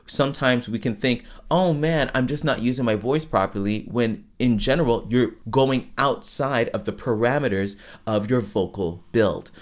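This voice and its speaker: A lower-voiced man who can reach into falsetto hosts a podcast as a vocal coach, explaining singing in a casual teaching monologue. He talks at a moderate pace with few pauses, chatty and loose, full of fillers, restarts, and frequent "right?" tags.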